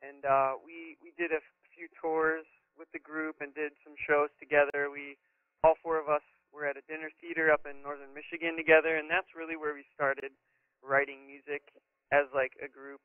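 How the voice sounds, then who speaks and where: A man's voice: a little high, flat delivery, moderate pace, clean tone, no echo. A man in his twenties from New Jersey, a band member telling how it started in an easygoing, casual way with lots of ums. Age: 20s. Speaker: band member, interview guest. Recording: tinny phone line.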